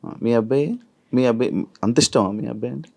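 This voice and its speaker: A woman interviewer asking probing, lively questions and humming along. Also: rumbling low, brisk, creaky.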